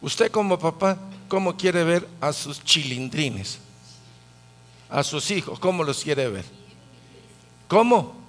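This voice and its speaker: Lively preacher, slightly high voice. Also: male voice, slow. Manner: asks the audience questions, lively. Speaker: Bible teacher and preacher. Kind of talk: conversational Bible teaching.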